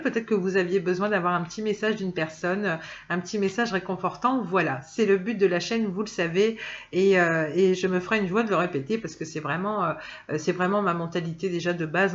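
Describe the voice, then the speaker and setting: Woman card reader, rambling and warm-toned chat, faintly muffled recording. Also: mid-range voice, brisk. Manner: chatty, many fillers and restarts. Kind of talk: casual spoken guidance video.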